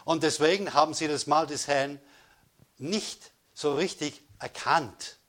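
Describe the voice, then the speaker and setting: A man giving a sermon as pastor, emphatic, with repeated calls of praise, swinging between loud declarations and hushed stresses. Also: fairly high pitch, measured pace.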